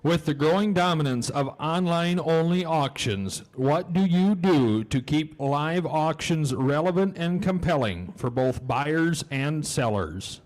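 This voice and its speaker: A man's voice: fairly high pitch, expressive, unhurried, few pauses, darkish tone, rough recording. A man reading prepared interview questions aloud as a competition interviewer.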